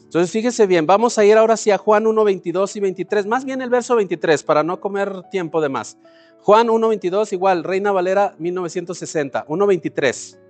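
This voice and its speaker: A man with a high, light voice preaches a sermon. He explains scripture and throws questions out to the congregation, then answers them himself. Soft music plays faintly behind him. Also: fairly quick. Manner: calls congregation to repeat phrases.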